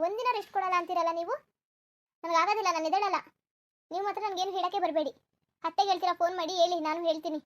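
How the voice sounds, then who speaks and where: A woman voicing a lazy, sleepy young wife in a cartoon, complaining and stubbornly refusing to get up. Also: very high-pitched. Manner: complaining, stubborn, rapid-fire. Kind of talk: cartoon voice acting.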